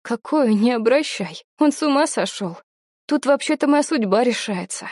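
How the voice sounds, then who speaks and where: A woman's voice: a little high, expressive, normal speed, darkish tone, dry recording, clean studio sound. A woman playing a flustered, indignant young woman. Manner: protesting, flustered.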